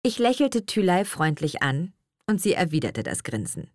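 A woman narrating a story in the first person, reading in a lively, expressive way. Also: lowish voice, normal speed, no room sound, clean studio sound. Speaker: audiobook narrator.

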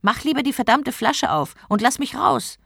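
A woman's voice: lowish voice, big pitch swings, normal speed, vocal fry, dry recording, studio quality, heavily acted. A woman voicing a rude, irritable male genie trapped in a bottle, snapping and mocking in a storybook reading.

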